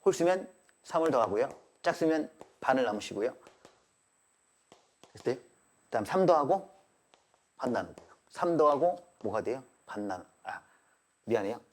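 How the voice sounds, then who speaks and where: A male math teacher giving a live classroom lecture, constantly checking in with his students. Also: medium pitch.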